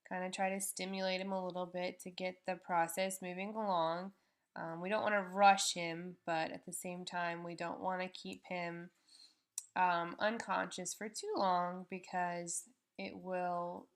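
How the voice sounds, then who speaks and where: A woman's voice: lowish voice, flat delivery, unhurried. A woman on veterinary staff gives live explanatory commentary on a procedure, speaking informally and patiently, step by step.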